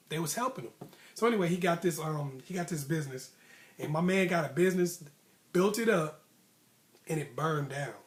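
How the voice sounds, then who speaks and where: A man with a slightly high voice casually tells a personal story, like a vlogger speaking to his followers. He uses colloquial, slangy phrasing and repeats lines to hammer home a motivational point.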